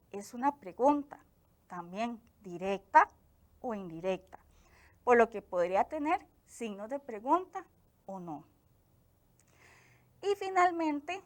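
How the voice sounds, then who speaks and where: A woman teacher from Costa Rica with a Costa Rican accent, giving a clear, explanatory grammar lesson for television. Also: on the high side. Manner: slow, clear explanatory delivery.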